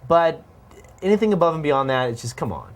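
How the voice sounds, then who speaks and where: A man co-hosting a casual chat show, relaxed, ranting freely and laughing easily. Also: on the high side. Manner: laid-back, ranting, quick to laugh. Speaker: co-host.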